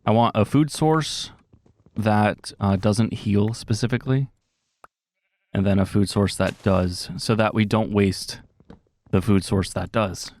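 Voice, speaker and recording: A man's voice: fairly low pitch, takes it slowly, a little mellow, no echo. A man giving casual, rambling gameplay commentary, full of fillers and self-corrections, with a slightly sore throat. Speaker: gaming commentator.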